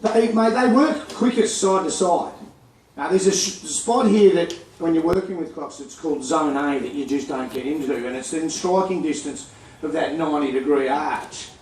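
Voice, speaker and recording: A high-voiced Australian man cracks jokes and banters with a live crowd at a crocodile feeding show. He is heard from a distance, with an echoey ring around his voice. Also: normal speed, darkish tone, slight background noise. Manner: jokey, teasing banter with the audience. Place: outdoor crocodile farm show area.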